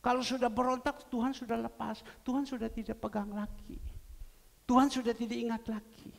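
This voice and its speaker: Guy pastor preaching, high gravelly voice, goes from loud to hushed, big church echo. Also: brisk. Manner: animated storytelling, swinging between loud cries and soft asides. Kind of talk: sermon. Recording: long reverb of a church hall.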